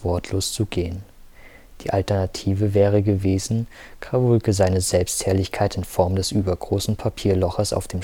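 Male audiobook narrator, low and steady, dry close-miked sound. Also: no room sound. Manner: steady, measured storytelling. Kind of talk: scripted narration.

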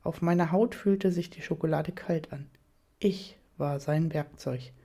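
A woman narrating a first-person erotic story in a measured, breathy reading. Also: sits low, mellow. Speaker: audiobook narrator.

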